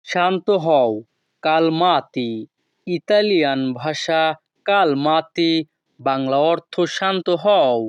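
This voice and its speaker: A man teaching short phrases in a slow lesson, repeating each one syllable by syllable. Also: a little high, clear, resonant tone, no echo, muffled recording. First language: Bengali. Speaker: language teacher.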